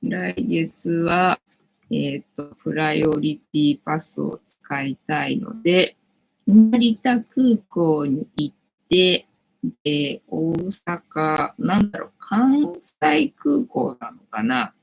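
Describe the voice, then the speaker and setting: Husky, gravelly middle-aged woman chatting. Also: low-pitched, lively intonation, takes it slowly, poor audio. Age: late 40s. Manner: rambling, chatty, frequent fillers. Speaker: livestream host. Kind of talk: casual livestream chat. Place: at home.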